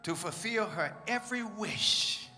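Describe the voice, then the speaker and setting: A man's voice: sits high, lively intonation, measured pace, sharp tone. A man preaching as pastor, leading the congregation in call-and-response and telling jokes between announcements. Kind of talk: church announcements and sermon humor. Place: church sanctuary. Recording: reverberant church hall with music.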